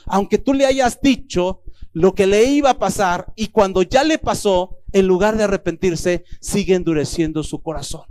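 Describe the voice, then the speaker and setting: High-voiced preaching pastor, a man. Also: clean tone. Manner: animated preaching, acts out quoted voices; speaks straight to the congregation. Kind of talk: sermon.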